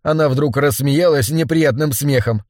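A man narrating a novel aloud in a steady, measured reading style. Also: fairly high pitch, no echo, clean studio sound. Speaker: audiobook narrator. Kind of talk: scripted narration.

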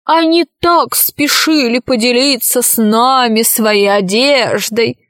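A woman voicing a crafty, predatory male troll posing as a ship's captain in a storybook, speaking slowly and gloatingly. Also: on the high side, fairly bright tone, no room sound, clean studio sound.

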